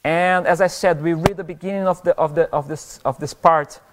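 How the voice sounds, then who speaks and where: Male pastor, earnest and halting sermon delivery, slightly high voice, long church reverb. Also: steady tone, background noise. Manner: earnest, halting with restarts and self-corrections.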